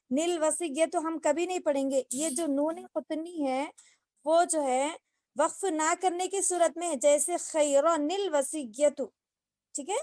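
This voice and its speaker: A high-pitched woman leads an online recitation lesson. Her tone is mellow and her delivery is patient, stepping through each rule and asking the class questions. The sound is dry and close, like a video call. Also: no echo. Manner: patient, explains step by step with repeated questions. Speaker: Quran recitation teacher.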